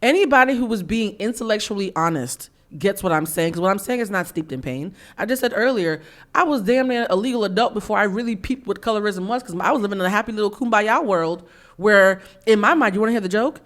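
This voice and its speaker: A woman in her thirties from the US East Coast, hosting a candid podcast conversation, blunt and animated, acting out quotes. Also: mid-range voice, fast talker. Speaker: podcast host.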